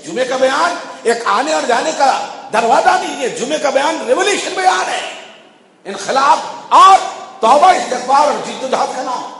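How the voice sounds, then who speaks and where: A man preaching a Friday sermon, impassioned, repeating his phrases and rising to shouts. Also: extremely high pitch. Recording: echoey hall with faint background noise.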